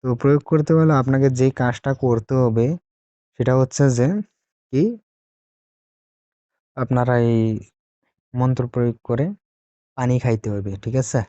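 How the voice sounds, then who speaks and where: A man speaks straight to his viewers with a boastful, salesman-like push, circling back over the same phrases again and again. His voice is mellow and dark. The recording is dry and dull. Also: medium pitch, steady tone, normal speed, pauses often, dry recording. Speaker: self-styled tantric teacher. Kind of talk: casual spoken video talk to viewers.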